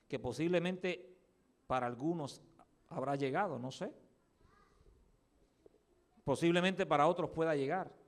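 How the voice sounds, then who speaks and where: High-voiced, dramatic male preacher. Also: vocal fry. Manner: swings between loud emphatic cries and quiet, low musing; acts out quoted Bible dialogue with dramatic voices. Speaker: pastor. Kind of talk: radio sermon. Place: radio studio or church pulpit.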